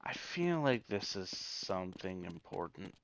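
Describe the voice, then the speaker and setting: A man's voice: deep voice, big pitch swings, measured pace, vocal fry, a little hiss or hum. A man giving casual gameplay commentary, thinking aloud in a hesitant way. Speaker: gamer.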